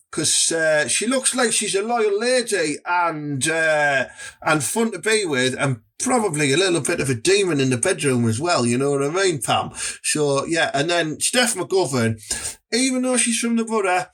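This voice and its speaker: A man's voice: on the high side, fairly bright tone. A man with a North East English accent hosting a comic podcast in casual chat, cheeky, crude and pleased with himself. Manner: cheeky, crude, self-congratulating. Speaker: podcast host.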